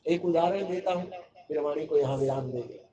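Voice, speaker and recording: A man's voice: fairly high pitch, a little fast, background noise. A man giving a devotional sermon, telling a story in an emphatic, repetitive way. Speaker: preacher. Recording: dull lo-fi sound with a crowd behind.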